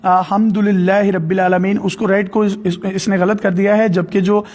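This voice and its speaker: A man's voice: high-pitched, flat delivery, darkish tone. A man hosting an interview, explaining an app step by step in devout phrasing. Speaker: host.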